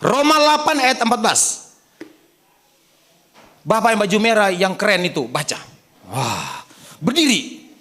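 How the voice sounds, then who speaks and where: A high-pitched, bright-toned man preaches a sermon in a church. His voice swoops up and down as he jokes with the crowd and bursts into shouting. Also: measured pace, long pauses. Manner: animated, joking, bursts into shouting. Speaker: pastor.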